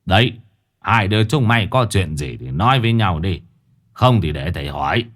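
A man voicing a gruff, hard-drinking old male exorcist who scolds and gives blunt orders. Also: deep voice, very animated, normal speed, fairly bright tone, exaggerated voice. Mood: bossy.

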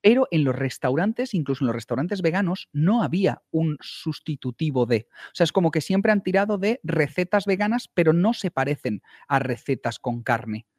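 Spanish man, casual podcast talker, animated and jokey, dry close sound. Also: on the high side, moderate pace, hardly any pauses, no echo. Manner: animated storyteller, laughs often, swears casually. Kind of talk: casual chat.

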